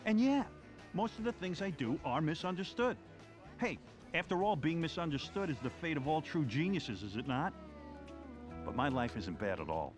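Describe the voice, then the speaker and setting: An actor playing a brash, crude, self-mocking radio host, confiding to the audience. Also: male voice, fairly high pitch, big pitch swings, normal speed, faint music behind. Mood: boastful. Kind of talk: film dialogue and narration.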